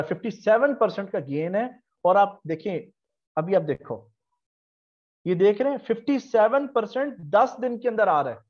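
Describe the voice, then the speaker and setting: A male trading instructor teaches a live online class, explaining step by step, asking questions and then answering them himself, and repeating key terms in chanting lists. His voice is a little high, and the audio has its highs cut off.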